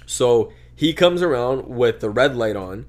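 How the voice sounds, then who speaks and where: Young man, co-host, animated profane storyteller, mid pitch. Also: measured pace. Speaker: podcast co-host. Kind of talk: casual chat.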